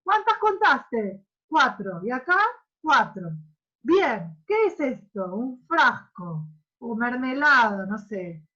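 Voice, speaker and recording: Argentine woman teacher, lively and high. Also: slow. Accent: Argentine Spanish. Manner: animated, exaggerates syllables for demonstration. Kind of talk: online class lecture. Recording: muffled lo-fi audio.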